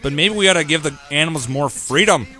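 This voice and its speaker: A man's voice: fairly high pitch, animated, fast, sharp tone, soft background music. A man hosting a talk radio show, ranting in a sarcastic, opinionated way.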